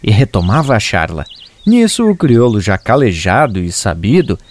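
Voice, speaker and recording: A man narrating a regional folk tale in an expressive, rhythmic way. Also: fairly low pitch, normal speed. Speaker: storyteller.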